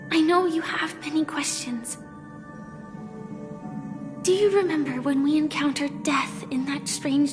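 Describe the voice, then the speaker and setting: In a video game, an actress voices a gentle young woman who haltingly and earnestly confesses a hidden identity, speaking softly in a high-pitched voice. The game audio carries reverb and music.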